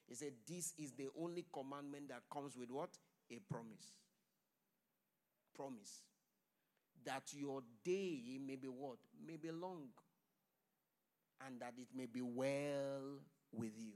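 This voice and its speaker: A man preaching a sermon, pleading with his congregation and calling for their responses. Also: medium pitch. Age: adult. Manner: loud declaring blessings.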